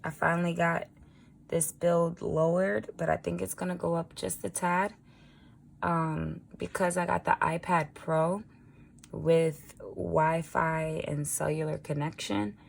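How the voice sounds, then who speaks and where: A woman with a raspy early-morning voice, chatting informally as a vlogger while she writes out a budget. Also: lowish voice, steady tone, slow pace. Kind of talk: casual budgeting vlog narration.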